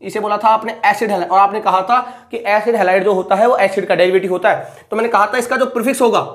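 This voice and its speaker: A man's voice: high voice, steady tone, fast, fairly bright tone. A male chemistry teacher recapping a lecture, who asks each question twice and then answers it himself.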